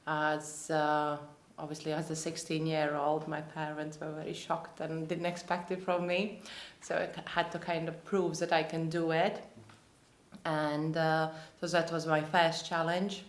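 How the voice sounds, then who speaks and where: A woman from Latvia in her thirties, answering interview questions and pausing often to search for words. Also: deep voice, flat delivery. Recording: echoey room.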